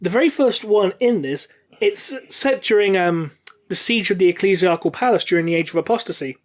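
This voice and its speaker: A man in casual podcast talk strings his explanations together in long run-on sentences and swears casually for emphasis. His voice sits a little higher than most men's. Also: expressive, a little fast. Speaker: podcast panelist. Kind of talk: casual chat.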